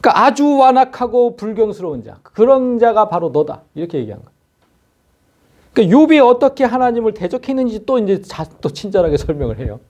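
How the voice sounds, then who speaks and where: A man preaching a sermon, explaining scripture with a lively, scolding, conversational delivery. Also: sits high, brisk. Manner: lively expository preaching, acts out scripture speakers in a scolding informal tone. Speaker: pastor. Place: church.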